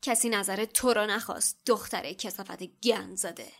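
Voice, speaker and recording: A woman's voice: mid-range voice, creaky, a bit bright. A woman voicing a smug, oily schoolboy rival who taunts the others. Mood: smug taunting.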